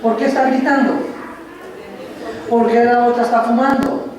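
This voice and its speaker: A man preaching a sermon as a pastor, slow and reflective, pausing between phrases. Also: very high-pitched, flat delivery, a little mellow. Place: church sanctuary. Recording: echoey church hall from far off.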